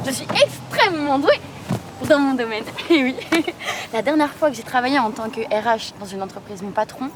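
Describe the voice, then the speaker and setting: A woman's voice: sits high, animated, normal speed, a crowd in the background. An actress in her twenties playing a brash, ambitious recruiter in a web drama, boastful and insistent in casual slang. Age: 20s. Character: brash, ambitious, self-assured young female recruiter. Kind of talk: naturalistic screen drama dialogue. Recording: clearly noisy location recording.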